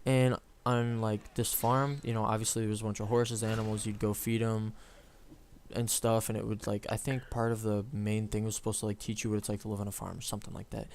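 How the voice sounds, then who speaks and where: A man's voice: lowish voice, little pitch movement, fairly quick, a little mellow, a little hiss or hum. A young man casually telling a story on a chat show, rambling with lots of fillers and self-corrections.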